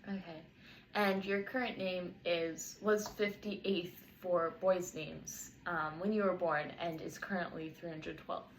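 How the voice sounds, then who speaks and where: A woman's voice: fairly low pitch, steady tone, slow, slight background noise, poor audio. A young woman, a student, interviewing a partner and carefully reading prepared questions and explanations from notes.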